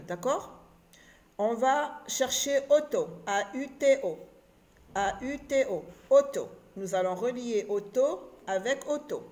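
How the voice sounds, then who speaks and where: Female teacher, early-reader lesson: slow, clear spelling-out, slightly high voice. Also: a little mellow. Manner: slow, spelling words letter by letter.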